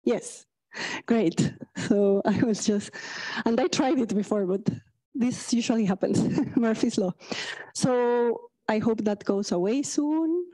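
A woman's voice: fairly high pitch, warm tone, rough recording. Mexican-born woman astrophysicist lecturing. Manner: friendly, halting with restarts. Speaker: astrophysicist giving a public talk. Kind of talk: public lecture. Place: lecture hall.

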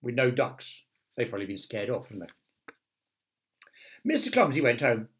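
A man's voice: medium pitch, sing-song, normal speed, a bit bright. A man who teaches primary school, reading a children's story aloud with chatty asides to the young listeners.

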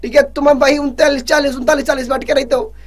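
A male exam prep teacher running a live online revision class. He keeps urging his students to answer quickly and teases them along the way. He reads each English question slowly, then explains it in Hindi. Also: very high-pitched, flat delivery, a little hiss or hum. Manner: urgent, pushes students to answer fast; teasing, scolds students jokingly.

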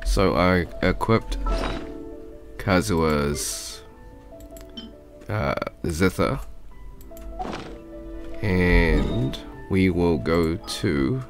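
Congested and nasal from a cold, a man talks viewers through his gameplay in a slow, chatty way for his YouTube channel. His low voice is animated, and music plays in the background.

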